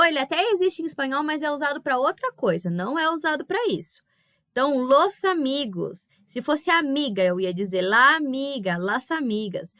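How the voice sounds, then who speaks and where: A woman teacher with a Brazilian Portuguese accent walks her pupils patiently through a recorded Spanish review, often pausing to check they follow. Her voice sits high. The sound is close and dry, with no room around it. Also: a bit bright, dry recording.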